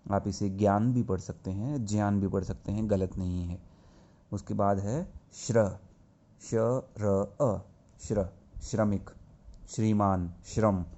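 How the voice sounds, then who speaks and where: A male teacher talks through a grammar lesson, posing a question and then answering it himself. His voice sits low and mellow. The recording sounds dull and lo-fi. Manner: slow and explanatory, asks questions and answers them himself. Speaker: school teacher. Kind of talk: classroom lesson.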